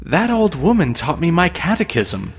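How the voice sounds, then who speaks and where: A man's voice: a little high, very animated, moderate pace, breathy edge, pitched above the performer's own voice. A man voicing a nervous young Puritan man who speaks in earnest, archaic phrases. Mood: uneasy. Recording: long reverb.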